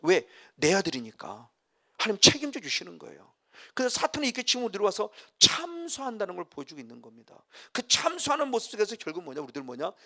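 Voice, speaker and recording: A man's voice: high voice, a bit bright. A middle-aged man preaching a sermon as a pastor, vividly acting out scenes and reading scripture aloud.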